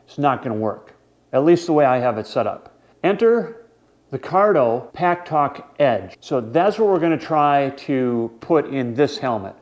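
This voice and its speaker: Medium-pitched man explaining gear casually. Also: a little mellow, muffled recording. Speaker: snowmobile vlog host.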